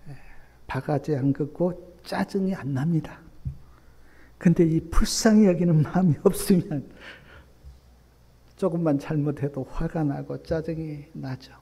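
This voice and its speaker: A male pastor preaches in a fairly high, mellow voice. He drops to soft, low asides, then rises to loud, emphatic appeals. His voice carries a long reverb from the church hall. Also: a little slow, gravelly, long pauses, breathy edge. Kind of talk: sermon.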